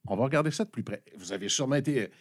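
A man with a Quebec French accent hosting an interview, asking lively questions and often interjecting. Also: medium pitch, rapid-fire, no echo, clean studio sound. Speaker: host, interviewer.

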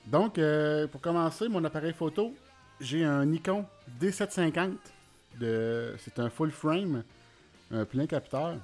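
A man's voice: fairly high pitch, animated, a little mellow, faint music behind. A man with a Quebec French accent hosting a casual solo podcast, hesitant and informal, speaking while recovering from wisdom teeth surgery. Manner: hesitant, informal, pausing often to search for words. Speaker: podcast host.

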